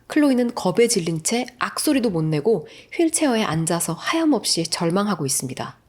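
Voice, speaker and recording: A woman's voice: medium pitch, darkish tone, slightly rough. A woman narrating a film summary in a dramatic, suspenseful storytelling manner.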